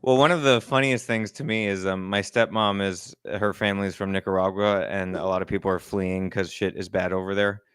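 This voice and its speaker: A man co-hosting a casual comedy talk show, wry and quick with asides, often laughing. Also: sits low, steady tone, fairly bright tone, smooth, no room sound, studio quality. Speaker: comedy podcast co-host. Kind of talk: casual chat.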